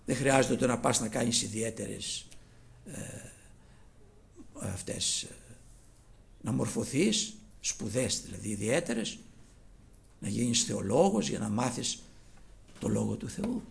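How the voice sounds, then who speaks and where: A man preaching a sermon, moving between loud, impassioned declaiming and low murmured asides. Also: animated, vocal fry, long pauses.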